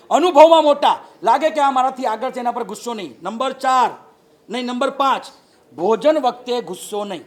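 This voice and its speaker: A Jain monk preaches with a Gujarati accent and a strikingly high voice for a man. He keeps his sermon light and lively, raising his voice to act out the people in his stories. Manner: animated, acts out quoted people with raised voice. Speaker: Jain monk giving a discourse. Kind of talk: humorous sermon.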